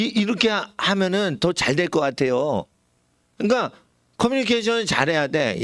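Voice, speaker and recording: Animated man preaching a sermon. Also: high voice, no room sound, studio quality. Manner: animated preaching, acting out quoted voices. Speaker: pastor. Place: church sanctuary.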